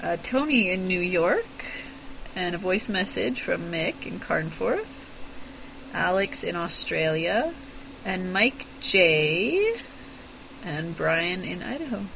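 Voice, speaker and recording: A woman co-hosting a casual podcast, with a croaky frog voice from being under the weather. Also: lowish voice, sing-song, slow, fairly bright tone, a little hiss or hum, poor audio. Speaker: podcast co-host.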